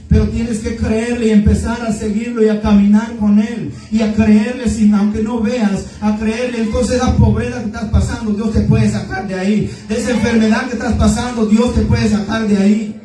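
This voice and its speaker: A man's voice: high-pitched, fairly even intonation, moderate pace, mellow. A man preaching a sermon with fervent, repetitive exhortation. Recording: echoey room, distant mic, faint music.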